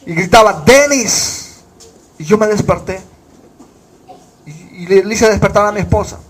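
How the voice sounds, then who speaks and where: A man from Bolivia preaches a fervent sermon, his voice sitting high for a man. He keeps asking the congregation questions and answering them himself. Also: steady tone, normal speed, slight background noise. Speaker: pastor.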